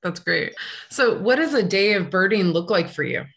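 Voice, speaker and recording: A woman's voice: mid-range voice, lively intonation, moderate pace, vocal fry, fairly bright tone. A woman hosting a podcast and asking a guest questions in an encouraging, upbeat way. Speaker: podcast host. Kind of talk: casual interview questions.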